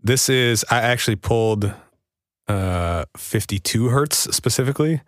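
A man's voice: medium pitch, measured pace, no room sound, studio quality. A man co-hosting a podcast, casually explaining things and teasing his co-host. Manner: explanatory, plays audio clips, teasing.

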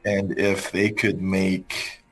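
A man playing a tabletop role-playing game, describing his character's actions haltingly with many pauses and fillers. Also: deep voice, flat delivery. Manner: hesitant, full of ums, describes actions slowly. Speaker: player.

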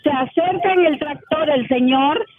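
A woman's voice: sits high, normal speed, heavy background noise. A woman calling in by phone, telling an indignant story with lots of energy. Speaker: caller. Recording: tinny phone line.

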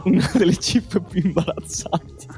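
Male co-host, slightly high yet soft-edged and mellow, relaxed casual talk. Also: moderate pace. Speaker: podcast co-host. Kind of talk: casual chat. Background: music.

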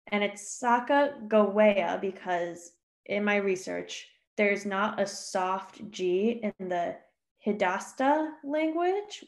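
A woman with a gravelly, creaky voice talks slowly as she introduces her segment. She rambles and jokes at her own expense, piling up "like"s, in a relaxed podcast chat. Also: mid-range voice. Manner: rambling, self-deprecating, lots of fillers. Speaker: podcast co-host. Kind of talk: casual history podcast chat.

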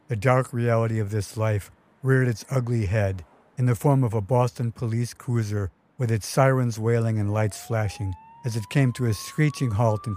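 A man's voice: mid-range voice, a little mellow, a little hiss or hum. A man narrating his own memoir story in a vivid, wry storytelling manner. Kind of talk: first-person memoir narration.

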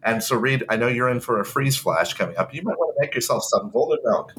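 A man's voice: mid-range voice, animated, fast talker, a bit bright, slight background noise. Congested man, enthusiastic podcast co-host. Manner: enthusiastic, emphatic. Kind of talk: casual podcast chat.

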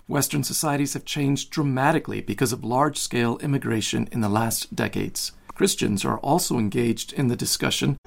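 A man hosting a book interview podcast, reading a formal, measured introduction and asking questions. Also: mid-range voice, creaky. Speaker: podcast host.

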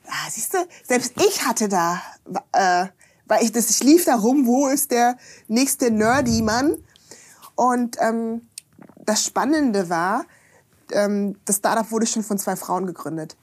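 A woman guest on a podcast, chatting casually and telling lively stories that act out what people said. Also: fairly high pitch, slow pace, slightly rough. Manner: lively storyteller, acts out quoted dialogue, frequent tag questions.

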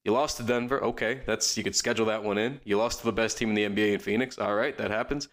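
Male podcast co-host, lowish voice, loose rambling sports talk. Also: fairly even intonation, fairly bright tone. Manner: quick, rambling, lots of fillers and restarts. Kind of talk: casual sports chat.

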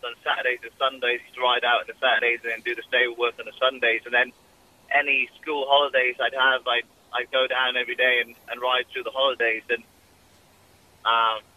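A man's voice: mid-range voice, pushed and bright, low-quality recording. A young Welsh man chatting casually in a radio interview, full of fillers and restarts. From Wales. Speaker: jockey guest.

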